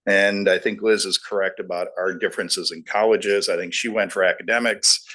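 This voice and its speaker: A man's voice: low voice, fairly even intonation, moderate pace, sharp tone. A middle-aged man on a board sharing folksy, anecdotal points with emphasis during a meeting discussion. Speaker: board trustee.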